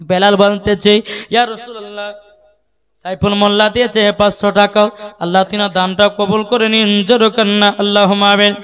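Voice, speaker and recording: A man's voice: sits high, flat delivery, fairly bright tone, soft background music. A male preacher telling a story in a sung sermon style, drawing out melodic phrases and calling on the crowd to answer. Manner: sings lines in drawn-out melodic phrases, calls crowd to respond.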